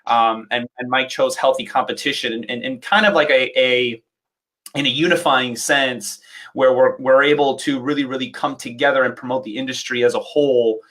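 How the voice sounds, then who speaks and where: A man's voice: medium pitch, steady tone, moderate pace, a bit bright. Rambling enthusiastic male livestream host. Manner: rambling, enthusiastic, heavy with fillers and restarts. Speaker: host and dance instructor. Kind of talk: livestream interview hosting.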